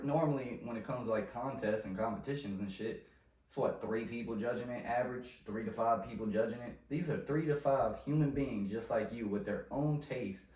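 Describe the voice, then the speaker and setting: With a mid-range, slightly mellow voice, this podcast host chats casually and rambles, leaning on slang and fillers and frequently breaking off to restart. The mic sits at a distance, giving a roomy sound with faint noise.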